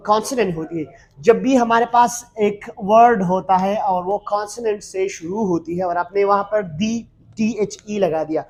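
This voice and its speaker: Male tutor, higher-pitched voice, patient step-by-step explainer who loops back and repeats. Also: darkish tone. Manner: explains step by step, repeats words and restarts, often says "matlab". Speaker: English teacher. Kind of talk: recorded lesson explaining grammar.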